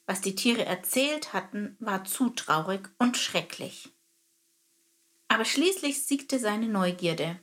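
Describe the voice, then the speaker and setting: Woman reading a kids' storybook, calm and steady, middle pitch. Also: takes it slowly. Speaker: narrator. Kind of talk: scripted narration of a children's story.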